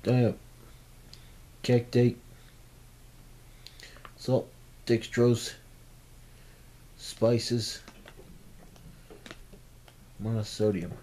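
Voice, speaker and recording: A young adult man giving a casual, low-key food review in a halting, hesitant way. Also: flat delivery, dark tone. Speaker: snack reviewer. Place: small room at home, indoors. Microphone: camera at about arm's length. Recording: faint background noise, amateur camera.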